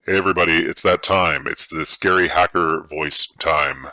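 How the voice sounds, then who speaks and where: A man speaking through a voice changer that lowers his voice, putting on a mock-menacing scary hacker voice in a tech tutorial. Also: steady tone, normal speed, pushed and bright, no echo. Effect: voice changer, deep pitch-lowering filter. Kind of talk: tech tutorial, joking aside.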